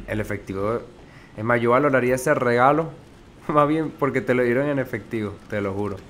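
A man with a Venezuelan Spanish accent giving excitable, swearing gameplay commentary as a gaming YouTuber. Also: mid-range voice, normal speed, a little hiss or hum. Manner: excitable, swearing, joking with viewers.

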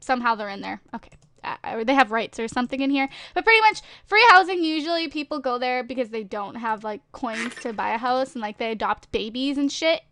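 A woman's voice: a little high, expressive, fairly quick, bright, forceful tone, no echo. A woman with a slight lisp casually commenting on a game, rambling and giggly, with lots of "like" and "um", recorded on a desktop microphone at home. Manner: giggly, rambling, playful trolling with frequent "like" and "um". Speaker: gaming video host. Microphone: desktop USB microphone.

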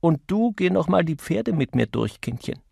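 A man putting on a shrill indignant office girl. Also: big pitch swings, moderate pace, gravelly, dark tone, breathy edge, no room sound, studio quality, exaggerated voice. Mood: bossy. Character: indignant young woman office clerk.

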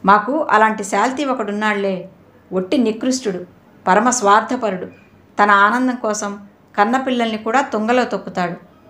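Audio novel figure, rich middle-aged father, short-tempered, scolding, loud, voiced by a woman reader. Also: medium pitch, moderate pace, close to an everyday voice. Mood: angry scolding.

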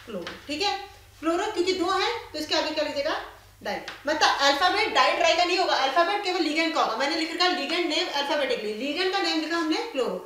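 Woman, chemistry lecturer, asks and answers her own questions, high voice, faint background noise. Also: animated, quick pace, pushed and bright. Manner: mixes English terms into speech. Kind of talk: classroom lecture. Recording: very echoey room with faint noise.

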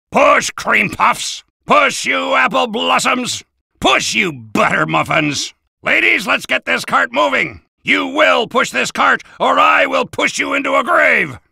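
An actor playing a gung-ho, belligerent American army soldier in a video game, barking bombastic orders and insults in a raspy, gravelly shout. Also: male voice, very high-pitched, no room sound, studio quality, full character voice.

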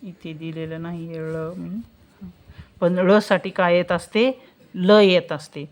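A woman teaching spelling step by step, saying example words slowly and answering her own questions. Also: fairly low pitch, level tone, darkish tone. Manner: slow, drawn-out pronunciation of example words, asks questions and answers them herself. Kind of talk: spelling lesson, explaining step by step.

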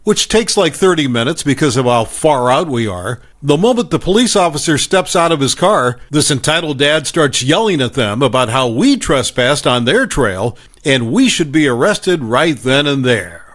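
Lively, expressive male story narrator. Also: mid-range voice, normal speed, hardly any pauses. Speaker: story reader.

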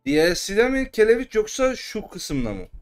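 A man giving live gameplay commentary as a streamer, excitable and cursing at the game at times, then calm and muttering. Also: high voice, normal speed, faint music behind.

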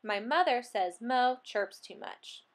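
A woman's voice: fairly high pitch, expressive, slow. A woman voicing an eager young schoolboy telling about his pet, read aloud from a storybook.

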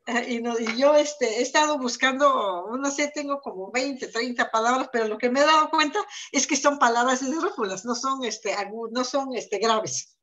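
Her voice high-pitched and a little bright, this Zapotec teacher from the Sierra Norte of Oaxaca, Mexico, talks at normal speed. She explains conversationally, working through her thoughts aloud with fillers and repeated words.

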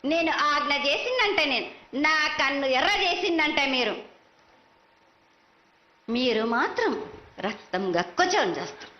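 A woman's voice: high voice, very animated, a little slow, pauses often, pushed and bright, dull audio. A woman with a Telangana Telugu accent speaks as a festival oracle in the voice of a mother goddess, declaiming commands and repeating herself. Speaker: oracle delivering a festival prophecy. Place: live temple festival ceremony. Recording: echoey, band-limited live broadcast with faint noise.

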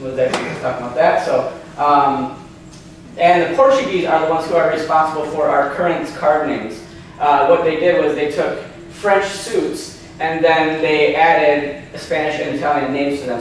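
A medium-pitched man in his thirties runs an informal slide lecture as a seminar presenter, chatty and prone to ums and restarts, asking the audience questions. The indoor hotel meeting room sounds echoey because only a far camera, no handheld mic, records him, and there is a little hiss or hum.

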